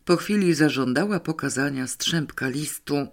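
Man, audiobook narrator, slightly high voice, measured storytelling. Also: lively intonation, gravelly. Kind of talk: scripted narration.

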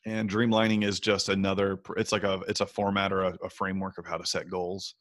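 A man's voice: low voice, flat delivery, fast talker, fairly bright tone, no room sound, studio quality. A man in his thirties, a podcast guest, telling stories in a rambling way with lots of fillers and restarts. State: hiccups. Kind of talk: casual interview chat.

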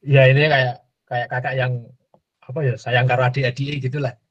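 A man's voice: mid-range voice, flat delivery, normal speed. A man, co-hosting a casual chat over a call whose audio breaks up and drops out, answering in short, laid-back replies. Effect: call audio breaking up and dropping out. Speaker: co-host discussing manga chapters. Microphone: remote voice call. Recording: muffled, lo-fi internet call line.

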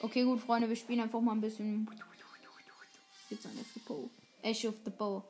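A woman hosting a gaming channel, chatting casually over gameplay and breaking into loud exclamations. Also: a little high, brisk, soft background music. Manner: excitable, frequent loud exclamations.

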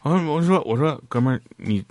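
A man's voice: on the high side, animated, fast, heavy background noise. Man telling funny stories. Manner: chatty, laughs at his own punchlines. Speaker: comedic storyteller. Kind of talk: comedic storytelling monologue.

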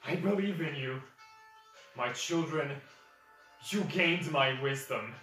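A man's voice: on the high side, slow pace, fairly bright tone, soft background music, pitched above the performer's own voice. A man voicing an ancient divine voice that pleads with its children. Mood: pleading. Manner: grave, pleading, drawn out. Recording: roomy, distant mic.

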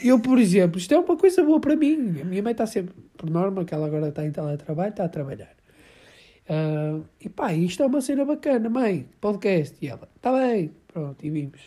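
A man's voice: high-pitched, expressive, brisk, dark tone. A young man with a European Portuguese accent, co-hosting a podcast in casual, teasing, slangy banter. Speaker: podcast co-host with his mother.

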